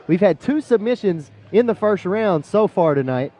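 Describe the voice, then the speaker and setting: A man's voice: high-pitched, animated, normal speed, mellow, lo-fi sound, soft background music. A man calling a live cage fight as play-by-play sports commentator.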